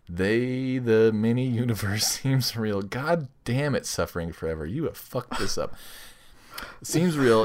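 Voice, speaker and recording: A man co-hosting a casual comedy chat, playfully reading a listener's text aloud with mock dramatic emphasis. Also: on the low side. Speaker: podcast co-host reading listener prompts.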